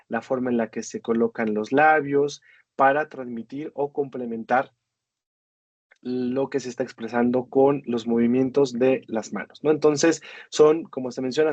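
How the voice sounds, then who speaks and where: A man's voice: mid-range voice, darkish tone, dry recording, highs cut off. A man with a Mexican Spanish accent giving a recorded university lecture, hesitant, with many fillers and tag questions.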